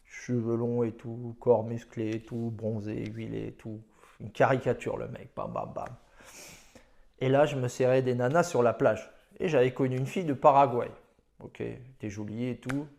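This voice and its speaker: A man's voice: medium pitch, animated, normal speed, creaky, darkish tone. A man giving dating advice in a casual monologue, telling his own stories in a boastful, slangy and emphatic way.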